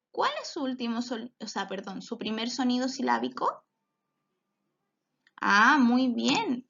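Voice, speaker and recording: Slow, high-voiced woman teaching children. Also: gravelly. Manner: slow, drawn-out words for children, encouraging praise. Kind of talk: children's phonics lesson. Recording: dull lo-fi sound.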